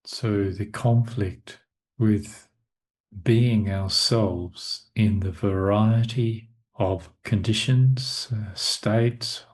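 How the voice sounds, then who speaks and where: Leading a guided meditation, a man speaks in brief, measured phrases and lets long pauses fall between them. His voice is on the low side and a little mellow.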